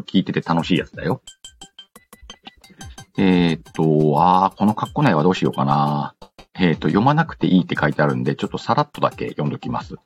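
Through a muffled recording comes a husky, low, darkish male voice. He's the host of an audio show who reads letters from listeners and fires back with playful, teasing remarks.

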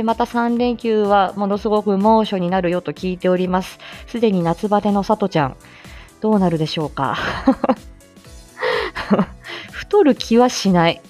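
A live audio show host who is also a speech-language therapist leads a casual morning live chat. Her voice is a little high and a little mellow, and she is chatty and giggly, politely explaining things and slipping in playful asides.

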